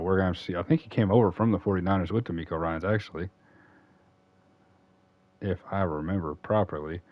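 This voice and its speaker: With a low-pitched, darkish voice and no room sound, a man chats his way through a football franchise game for his YouTube channel. His commentary is rambling and casual, full of self-corrections.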